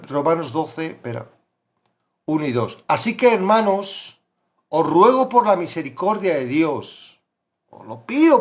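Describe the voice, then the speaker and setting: A man with a Peninsular Spanish accent teaching a Bible study, talking conversationally and asking rhetorical questions. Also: high-pitched. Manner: conversational, asks rhetorical questions, acts out pleading voices.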